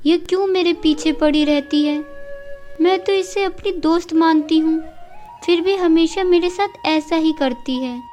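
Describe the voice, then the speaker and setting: A woman's voice: extremely high pitch, measured pace, darkish tone, soft background music, voice pushed up. A woman voicing a kind, hardworking young woman heroine who speaks earnestly. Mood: upset. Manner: earnest and pleading.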